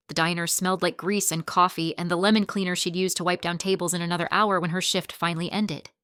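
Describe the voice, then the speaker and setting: A woman reads a scripted story in a measured, even way. Her pitch sits in the middle range, and the recording is dry and close. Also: dry recording. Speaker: narrator.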